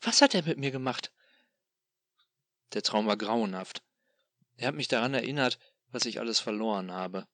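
A man giving a dramatic first-person audiobook narration in a hushed, despairing, intense way. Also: medium pitch, moderate pace, long pauses, no room sound.

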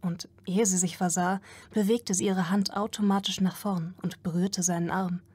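A woman's voice: on the low side, steady tone, normal speed, a little mellow, slightly rough. A woman narrating an audiobook in a tense, dramatic reading.

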